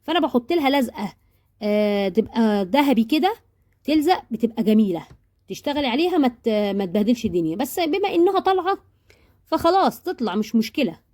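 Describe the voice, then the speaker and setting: A woman's voice: fairly high pitch, big pitch swings, fast talker, a little mellow. A woman with an Egyptian accent, chatting to viewers as a baking vlogger, joking while she shows off her purchases. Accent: Egyptian Arabic. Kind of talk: casual chat to viewers.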